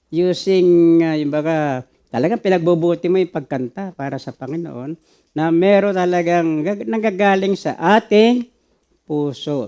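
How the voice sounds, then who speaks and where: A man's voice: a little high, darkish tone. A man with a Filipino accent preaching a sermon as pastor, mixing Tagalog and English and often asking the congregation questions.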